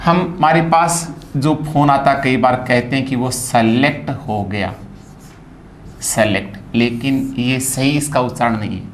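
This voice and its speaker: A man teaching a phonetics lesson, spelling words out and repeating each sound slowly. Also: medium pitch, a little hiss or hum.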